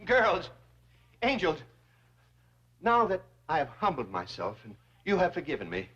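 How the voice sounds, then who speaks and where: An actor playing a pompous, wheedling older bank president who flatters with flowery words, in 1960s sitcom style. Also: male voice, on the high side, a little slow, husky, dull audio, exaggerated voice.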